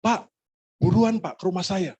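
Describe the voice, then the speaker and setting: A man's voice: high voice, measured pace, darkish tone, slightly rough, muffled recording, pitched above the performer's own voice. A man voicing a frantic woman who insistently pleads with a pastor to come and pray for a dying man. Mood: urgent pleading. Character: frantic middle-aged woman begging for prayer.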